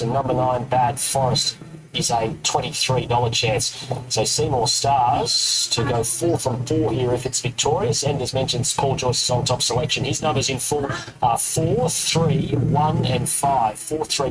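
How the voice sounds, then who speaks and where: A man's voice: medium pitch, low-quality recording. A man presenting horse racing, running through form and betting updates.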